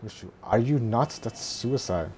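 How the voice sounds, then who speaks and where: A man voicing a cocky little dragon sidekick, reading the lines in a flat, droning manner. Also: medium pitch, unhurried, a little hiss or hum, lightly acted. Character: cocky small male guardian dragon sidekick.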